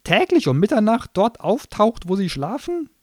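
A shrill, mocking little gnome demon shoots up high and swings his pitch wildly as he sneers. His voice sits dry and close, sarcastic and quick to temper. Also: big pitch swings, a little mellow, no room sound. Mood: pedantic. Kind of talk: audiobook reading.

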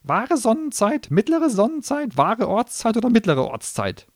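A shrill, sneering little wish-granting gnome. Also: male voice, wildly swooping pitch, normal speed, dry recording, clean studio sound, heavily acted. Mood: pedantic. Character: sarcastic, hot-tempered little male wish-granting gnome demon. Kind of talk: audiobook reading.

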